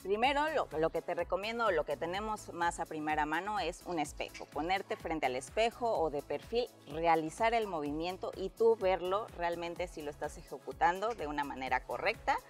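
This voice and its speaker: A young woman personal trainer explains exercise tips outdoors in a park, upbeat and clear. Her voice sits a little low, picked up on a lapel mic with faint music beneath. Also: expressive, moderate pace, few pauses. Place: outdoor park workout area.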